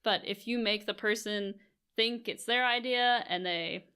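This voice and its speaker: A woman co-hosts a podcast in a relaxed, chatty way, with a bright, clear tone. She laughs easily and fills her talk with "like" and "you know". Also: mid-range voice, measured pace. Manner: chatty, giggly, many fillers. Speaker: podcast co-host. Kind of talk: casual chat.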